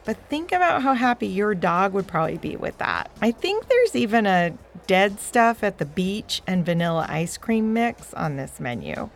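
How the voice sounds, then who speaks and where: A woman's voice: mid-range voice, sing-song, moderate pace, creaky, hardly any pauses, a little hiss or hum. A woman narrating a children's story show in a broad, singsong kids' theatre manner, playfully talking straight to young listeners. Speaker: host and storyteller of a children's podcast.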